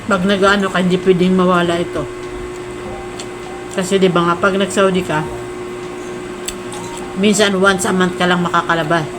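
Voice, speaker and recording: Her voice is on the low side and fairly flat, at normal speed with long pauses. This Filipino mukbang host eats and chats casually, humming over her food amid clattering dishes in a noisy room.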